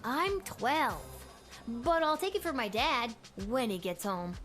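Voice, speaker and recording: A wide-eyed, earnest child guard, with a high voice and lively pitch. The perky video game character speaks over faint music. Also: female voice, slow, heavily acted. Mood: polite. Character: eager, wide-eyed twelve-year-old gate guard child. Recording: music behind the voice.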